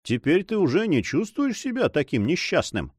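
A man's voice: a little high, huge pitch swings, moderate pace, slightly rough, no echo, clean studio sound, voice pushed up, full character voice. A man voicing a composed, resolute male buccaneer leader with a wry edge.

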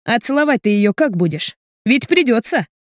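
A woman's voice: a little high, lively intonation, normal speed, no echo, studio quality, natural voice. A woman reading the lines of an agitated, jealous young man in an audiobook, heated and pleading.

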